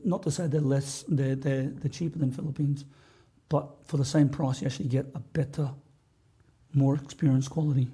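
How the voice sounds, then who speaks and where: A man speaking as a podcast guest, earnest and halting, often restarting his sentences. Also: mid-range voice, fairly even intonation, warm tone, breathy edge. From Australia. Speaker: podcast guest, business owner. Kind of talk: candid interview talk.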